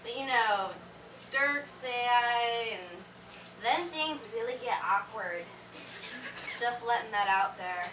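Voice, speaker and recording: A woman's voice: a little high, lively intonation, slow pace. A woman playing a giggly, tipsy teenage girl. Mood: breezy. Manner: breezy, rambling, giggly. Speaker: convention panel performer. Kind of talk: live comedic stage monologue. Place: convention panel room before a laughing audience. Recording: echoey room from far off, noisy.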